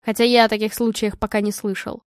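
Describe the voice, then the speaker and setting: A woman reading the part of a calm, sardonic young man who lectures his friend. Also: mid-range voice, smooth, dry recording, close to an everyday voice. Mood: lecturing. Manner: unhurried and dry.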